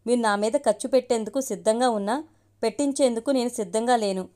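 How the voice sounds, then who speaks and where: A woman's voice: fairly high pitch, fast talker, mellow, natural voice. Give me a woman reading a hurt, proud young woman in a story. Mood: bitter.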